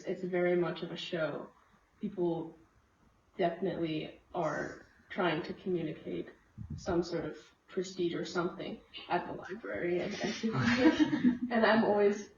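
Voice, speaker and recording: Young woman, low-pitched, roomy and far. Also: darkish tone. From Minneapolis, USA. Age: young adult. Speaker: interviewed student. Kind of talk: casual chat. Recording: roomy, distant, dull, faint noise.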